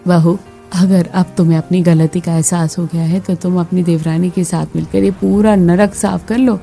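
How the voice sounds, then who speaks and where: A woman's voice: lowish voice, fairly even intonation, normal speed, vocal fry, mellow, soft background music. A woman voicing a preachy, disapproving older aunt-in-law visiting the family in a skit. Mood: advising.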